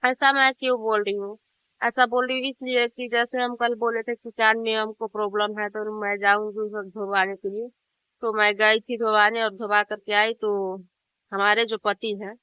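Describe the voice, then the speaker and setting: A woman's voice: medium pitch, flat delivery, moderate pace, clean tone, muffled recording. A woman vlogger venting to camera in an angry, bitter way, trading insults and pleas.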